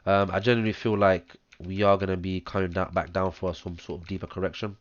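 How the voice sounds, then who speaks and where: Brief: hoarse, low-pitched man, chesty cough, monotone chart walkthrough full of ums, close dull lo-fi mic. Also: fast talker. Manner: talks step by step through wave counts, many ums. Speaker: trading analyst. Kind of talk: screen-share chart analysis. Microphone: close mic, audible breathing.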